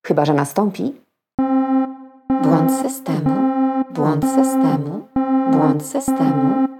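Female announcer through a glitching robot voice effect: deadpan and official, winding down and sinking in pitch like a crashing machine, over loud guitar and keys. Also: slow pace. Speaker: announcer of a satirical intro jingle. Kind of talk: scripted satirical announcement. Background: loud guitar and keyboard music.

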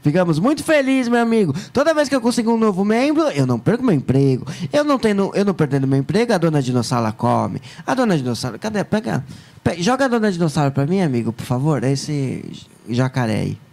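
Lively joking man hosting a stream. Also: a little high, quick pace, creaky. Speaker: live stream host. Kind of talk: joking live stream chat.

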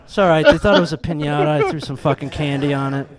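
A man doing a stand-up set, telling exasperated, profane stories with animated outbursts. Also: fairly high pitch, quick pace, crowd noise. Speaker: stand-up comedian.

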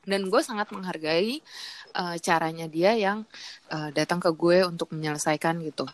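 A woman's voice: fairly low pitch, normal speed. A young woman telling a rambling story in casual chat, laughing between filler words.

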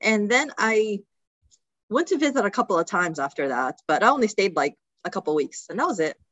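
A woman's voice: medium pitch, big pitch swings, brisk, a bit bright, dry recording. A young woman from Egypt, a podcast guest, talking casually and chattily with many filler words. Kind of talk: casual interview chat.

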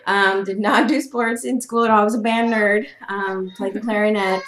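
A woman's voice: medium pitch, fairly even intonation, moderate pace, fairly bright tone, echoey room. A young woman, eight months pregnant and a little out of breath, talking humbly as a podcast guest with many fillers and restarts. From United States. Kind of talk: casual podcast interview. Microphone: remote call, laptop.

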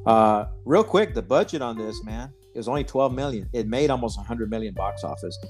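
A man co-hosting a casual podcast, talking with excitement about a film and often calling his friend "man". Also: medium pitch, a little fast, soft background music. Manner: enthusiastic, says "man" a lot, acts out movie lines. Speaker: podcast co-host. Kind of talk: casual chat.

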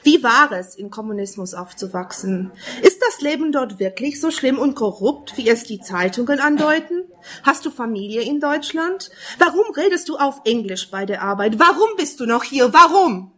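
Woman w/ doing spoken word poetry, kinda high voice, slow and earnest. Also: lively intonation, fairly bright tone. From Romania. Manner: measured, earnest, second-person address.

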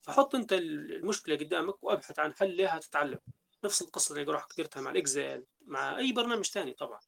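Man, Libyan accent, podcast host, rapid speech, gravelly fry, restarts a lot. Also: a little high, animated, fairly bright tone. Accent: Libyan Arabic. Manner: talks through ideas at length with many restarts. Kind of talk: casual podcast conversation.

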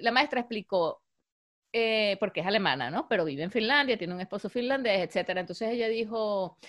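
A woman in her thirties chatting casually, telling lively stories about her children and acting out their voices, with English words mixed in. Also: medium pitch, brisk. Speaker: podcast co-host. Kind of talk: casual chat.

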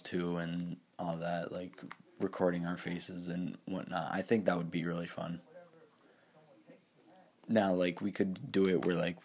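An eighteen-year-old man talks on his own in a loose, rambling way, circling back with fillers and restarts. His voice sits very low and stays flat, with little rise or fall. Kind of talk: casual solo talk.

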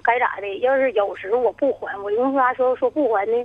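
A woman, calling in to a radio show and talking in a halting, rambling way. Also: on the high side, no echo. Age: 50s. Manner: halting, rambling, stumbles over words. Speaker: caller. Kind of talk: radio call-in, telling her troubles. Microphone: telephone. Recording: tinny dry phone line.

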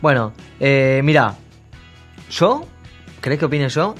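A man with an Argentine accent, a radio host telling anecdotes in an animated casual chat in the studio. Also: mid-range voice, slow pace. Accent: Argentine Spanish. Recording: radio studio with faint music.

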